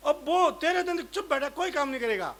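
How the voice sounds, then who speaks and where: High-voiced rustic comic poet storytelling. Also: male voice, expressive, fairly quick, a bit bright. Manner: rustic anecdotal joke-telling with dialect. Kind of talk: stage comedy storytelling.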